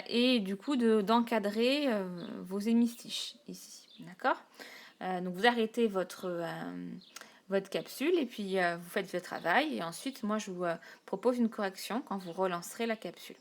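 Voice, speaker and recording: A woman teacher talking through a recorded whiteboard lesson, pausing often with fillers and counting syllables out slowly. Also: mid-range voice. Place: home desk, recorded on a tablet.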